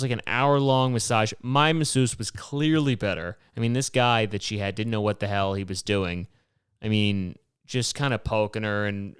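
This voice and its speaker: A man's voice: fairly low pitch, fairly bright tone, smooth, dry recording, clean studio sound. A man hosting his own podcast, telling a rambling, wry story with plenty of swearing. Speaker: podcast host. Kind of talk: casual solo storytelling.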